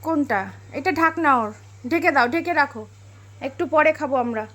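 Mother for a home vlog, high and bright, speaks softly to a toddler with gentle scolding. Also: moderate pace. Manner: gentle coaxing, mildly scolding. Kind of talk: home vlog, talking to a small child.

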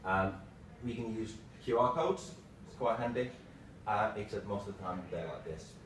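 At a moderate pace, a low-voiced developer gives an informal slide-based lightning talk in short, choppy phrases. The sound comes from a distant camera microphone across a small meeting room, full of room reflections and clearly audible noise.

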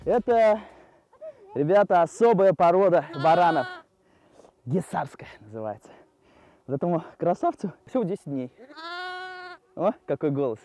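Male travel host, twenties, chatty and very animated, outdoor location with some music. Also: fairly high pitch, moderate pace, pauses often. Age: 20s. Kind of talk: casual, spontaneous on-location presenting.

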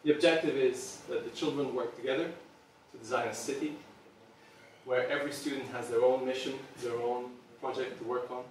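A Serbian product designer in his thirties gives an earnest public presentation to a small group in a meeting room, often hesitating with ums. His medium-pitched voice is steady and fairly quick, captured by a distant camera with heavy reverb and slight background noise.

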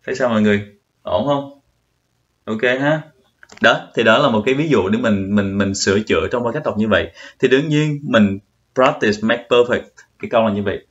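A man's voice: on the low side, brisk. A young man giving a casual pronunciation tutorial in a chatty way, repeating words as he tests himself. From Vietnam. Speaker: vlogger. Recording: dull lo-fi audio.

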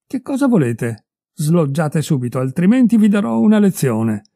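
A man's voice: a little high, very animated, normal speed, gravelly, dark tone, no echo, voice pushed up, exaggerated voice. A man voicing an angry young son who brusquely threatens an intruder, in a dry, close recording.

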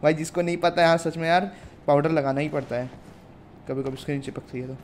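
Fast-talking and steady in tone, this young man's fairly high voice carries an Indian accent as he gives chatty commentary on a mobile shooter. He calls his viewers "guys" and "brother" during the stream, and a little hiss or hum is present.

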